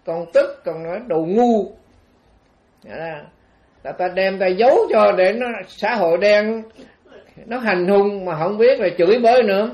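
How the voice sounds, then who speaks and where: A Buddhist monk tells a story in a rambling, folksy sermon, restarting often. His voice sits high for a man. The recording is dull and lo-fi. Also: normal speed, darkish tone. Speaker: Buddhist monk giving a dharma talk.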